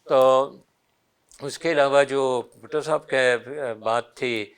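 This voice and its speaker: A man's voice: mid-range voice, fairly even intonation, clear, resonant tone. An older man, an interview guest recounting political memories and quoting others in a mix of Urdu and English. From Pakistan.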